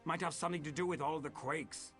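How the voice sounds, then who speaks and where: A man voicing a weary, gruff mine foreman in video game dialogue, blunt and worried for his workers. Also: on the high side, fairly even intonation, quick pace, a bit bright, faint music behind, close to an everyday voice.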